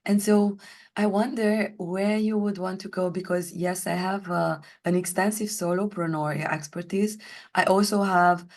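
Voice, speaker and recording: A woman guest on an interview podcast, talking slowly and deliberately through a hoarse, partly lost voice. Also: on the low side, steady tone, a little mellow. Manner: deliberate, slow careful delivery. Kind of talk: conversational interview.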